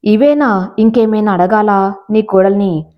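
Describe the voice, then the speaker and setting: A woman voicing a sharp-tongued older mother-in-law who answers curtly. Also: medium pitch, measured pace, close to an everyday voice. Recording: slightly dull lo-fi audio.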